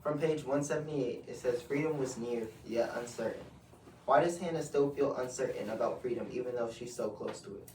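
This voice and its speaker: A man's voice: mid-range voice, brisk, darkish tone. Man leading a book discussion. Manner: reads out quotes, then asks questions. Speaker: student discussion leader. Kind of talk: casual class book discussion. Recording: echoey room, far from the mic, noisy.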